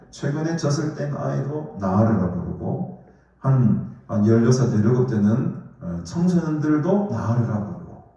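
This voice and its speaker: Pastor preaching in an echoey hall. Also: male voice, medium pitch, warm tone. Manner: asks the congregation questions, with many fillers. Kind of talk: sermon. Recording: echoey hall, far from the mic, dull.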